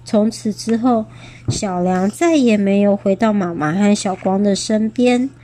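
Gentle, slow woman reading a bedtime story. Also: mid-range voice. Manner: gentle, pausing to ask the child questions. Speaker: parent reading to a child.

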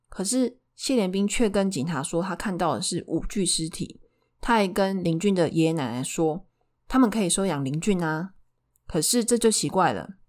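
A woman's voice: on the low side, darkish tone. A woman with a Taiwanese Mandarin accent telling true crime in a conversational way as a narrator, putting questions to her listeners. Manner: poses rhetorical questions to listeners.

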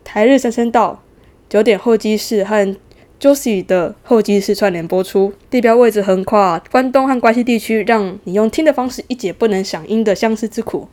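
A woman's voice: mid-range voice, moderate pace, darkish tone. A woman from Taiwan co-hosting a casual podcast in Taiwanese-accented Mandarin, chatty and full of interjections. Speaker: podcast co-host.

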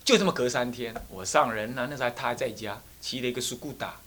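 A man's voice: medium pitch, fast, sharp tone. A Taiwanese man, a Buddhist temple abbot, tells a story during a dharma lecture in Taiwanese Mandarin. He laughs often, acts out the characters and makes sound effects as he goes.

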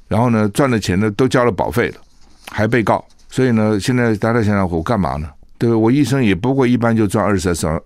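A man's voice: fairly low pitch, darkish tone, no room sound. A man hosting a radio talk show, giving a chatty opinion monologue full of rhetorical asides and tag questions in a studio.

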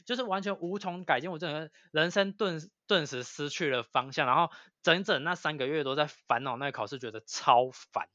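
Fast, bright-voiced man venting casually. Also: on the high side, dry recording. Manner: animated, swears freely when venting. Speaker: podcast co-host. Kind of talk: casual chat. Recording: dull lo-fi dry sound.

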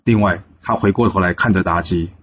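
A man with a very low voice tells an old tale aloud and shifts his voice for each character. The recording sounds dull and lo-fi, with a faint hiss underneath. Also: fairly quick, a bit bright. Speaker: storyteller. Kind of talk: storytelling narration with voiced dialogue.

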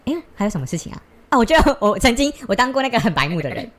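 A woman's voice: a little high, sing-song. A woman co-hosting a casual chat show, blunt and ready to tell off rude strangers. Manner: blunt, quick to say "go die" at rude people, laughs easily. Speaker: podcast co-host.

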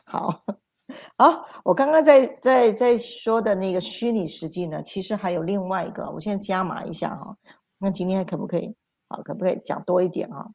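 A woman speaks as a spiritual teacher on a livestream. She tells her stories in an animated way, repeating phrases and adding sound words. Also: mid-range voice, fairly quick, gravelly. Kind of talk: livestream storytelling talk.

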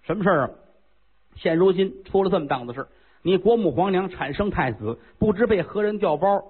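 A man's voice: sits high, expressive, a little fast, husky. A male storyteller voicing a shrewd old chancellor who argues urgently and persuasively. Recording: lo-fi phone-like recording.

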